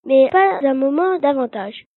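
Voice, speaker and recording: A woman's voice: high voice, animated, unhurried, no room sound. A woman reading the part of a cruel, hard-hearted husband from a fairy tale, in a stern, threatening manner. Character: cruel wealthy husband with a blue beard, a man. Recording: dry, tinny phone-like recording.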